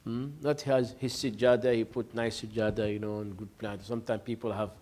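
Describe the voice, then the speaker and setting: A sheikh with a lowish, darkish voice and little pitch movement talks a little fast in an informal religious lesson. He keeps it conversational, telling stories, cracking jokes, laughing, and acting out dialogue.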